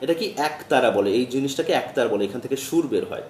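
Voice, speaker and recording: A man teaching a primary school lesson, gentle and patient, spelling words out slowly in a sing-song chant. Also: medium pitch, lively intonation, reverberant, recorded from a distance, slight background noise. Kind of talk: children's Bengali lesson.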